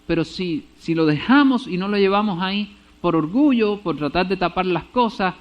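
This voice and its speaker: A male pastor with a high voice delivers a sermon to his church. He keeps checking that his listeners follow him and punctuates points with amen. The recording sounds somewhat dull and lo-fi. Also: lively intonation, normal speed. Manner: preaches with rhetorical checks and repeated amens.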